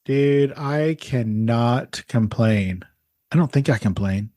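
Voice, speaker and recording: A man's voice: mid-range voice, takes it slowly, dark tone. A middle-aged man from Texas hosting a podcast, chatty and self-interrupting, calling his guest "man" and "dude". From San Antonio, Texas. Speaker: podcast host. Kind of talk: casual podcast interview and intro.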